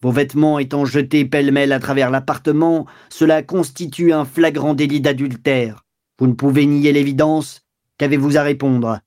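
A man doing a stern, shrill police commissioner. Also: fairly even intonation, moderate pace, natural voice. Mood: stern official. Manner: formal, commanding, rising to sharp outbursts. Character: stern middle-aged male police commissioner.

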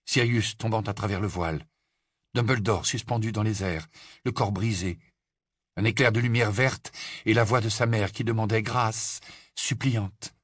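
A man narrating an audiobook with a measured, dramatic storytelling delivery. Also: on the low side, dry recording, clean studio sound. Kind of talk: scripted narration.

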